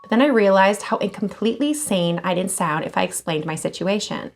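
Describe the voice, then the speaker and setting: A woman hosting a channel where she reads scary online stories aloud, expressive and casual, swearing now and then. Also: mid-range voice, brisk. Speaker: horror story channel host.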